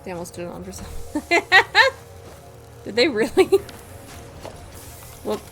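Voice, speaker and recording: Excitable woman streaming a game. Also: mid-range voice, slow, rough recording. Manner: excitable, laughs often, thinks aloud. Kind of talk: casual gameplay commentary. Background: game music.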